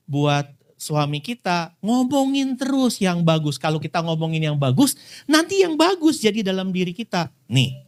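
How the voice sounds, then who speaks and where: Lively man preaching. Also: high-pitched. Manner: lively, playful preaching with quick voiced quotes and laughs. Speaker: pastor. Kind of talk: sermon.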